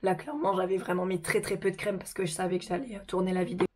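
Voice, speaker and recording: A woman hosting a casual makeup tutorial, chatty and informal, her voice hoarse from a sore throat. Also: fairly low pitch, steady tone, racing.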